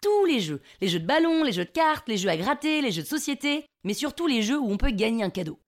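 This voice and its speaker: A woman's voice: fairly high pitch, big pitch swings, fast talker. A woman in her thirties from Paris, narrating a self-mocking personal story for a podcast. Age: 30s.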